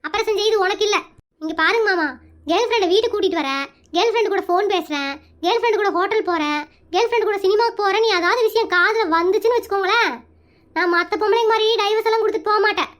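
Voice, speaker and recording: A woman's voice: extremely high pitch, racing, fairly bright tone, voice pushed down. A woman voicing a strict, bossy village mother and wife in a cartoon comedy, scolding in a rural Tamil Nadu accent. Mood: stern.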